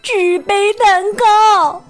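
A woman's voice: very high-pitched, very slow, faint music behind, voice pushed up, exaggerated voice. Sobbing crybaby hippo girl. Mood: sobbing, wounded. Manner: sobbing, wailing complaints. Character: fragile crybaby female hippo, easily hurt.

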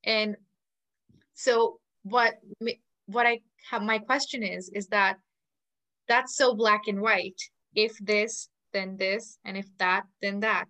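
A woman's voice: medium pitch, steady tone, takes it slowly, sharp tone. Woman, thoughtful, asks questions, chatty discussion. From India. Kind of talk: casual discussion.

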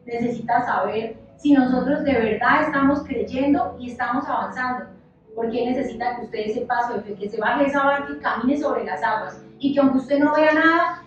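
A woman in her thirties, a church leader giving an impassioned, conversational sermon that swings between loud and soft. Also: high-pitched. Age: 30s. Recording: echoey, dull church hall sound with music, mic at a distance.

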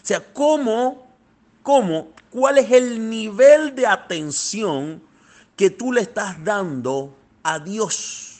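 A man preaching a fervent sermon, calling his listeners beloved and swinging between soft passages and loud, thundering ones. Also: sits high, slow pace. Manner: fervent, addresses listeners as "amado".

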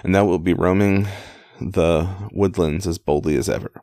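A man reading as a gruff, grieving outlaw. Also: sits low, steady tone, normal speed, darkish tone, no echo, clean studio sound. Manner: plain read-aloud delivery, stumbles on old wording.

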